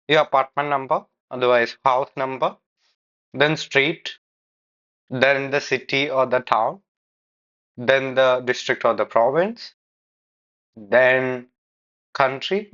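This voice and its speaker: A man explains how to improve answers on a speaking exam, stopping to correct and restate phrases. His voice sits at a middle pitch. The recording sounds a little dull and lo-fi. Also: fairly bright tone. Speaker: IELTS coach giving feedback. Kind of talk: feedback commentary on a recorded test.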